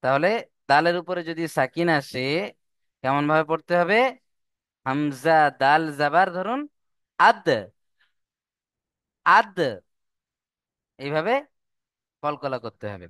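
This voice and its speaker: A man's voice: on the high side, a little slow, long pauses, a bit bright, clean tone, no echo, studio quality. A man teaching Quran reading rules step by step, stretching out the example words in a sung recitation. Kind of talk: slow step-by-step lesson.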